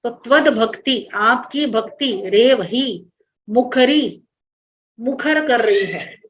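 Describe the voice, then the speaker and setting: Woman, religious teacher, patient line-by-line explanation, higher voice, dull lo-fi online class audio. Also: animated, slow.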